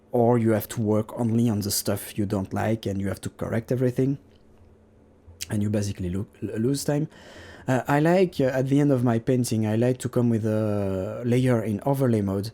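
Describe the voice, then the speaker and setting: A man casually talking over his own painting process, halting with many fillers and restarts and laughing at himself. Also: fairly low pitch, mellow. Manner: self-deprecating, laughs at himself. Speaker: digital artist.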